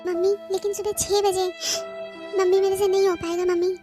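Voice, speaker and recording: A woman's voice: extremely high pitch, steady tone, brisk, over music. A woman voicing a spoiled young cartoon bride who whines and pleads, repeating "mummy" over and over. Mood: tearful pleading. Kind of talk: cartoon voice acting.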